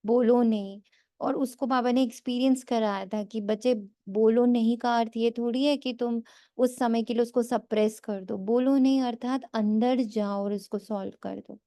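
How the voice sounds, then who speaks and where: A woman giving a slow, earnest spiritual talk, mixing English phrases into Hindi. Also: a little high, warm tone, no room sound, studio quality. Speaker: spiritual speaker.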